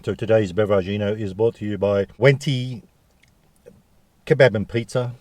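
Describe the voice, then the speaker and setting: A man's voice: on the low side, normal speed, darkish tone, no echo. A man with an Australian accent chatting casually to viewers as a food review vlogger, jokey and full of slang.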